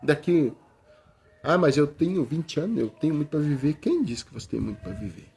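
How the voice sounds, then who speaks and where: Husky, mellow-voiced Brazilian preacher. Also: male voice, on the high side, lively intonation, fairly quick. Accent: Brazilian Portuguese. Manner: conversational, calls listeners brother, many restarts. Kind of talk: informal sermon.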